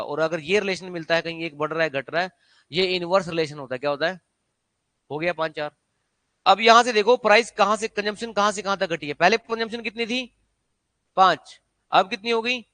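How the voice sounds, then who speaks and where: Guy teaching maths for exams, keeps asking "what is it?" back at you, highish bright voice, dry close mic. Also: no room sound. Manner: quizzing students with repeated rhetorical questions. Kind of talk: exam-prep maths lesson.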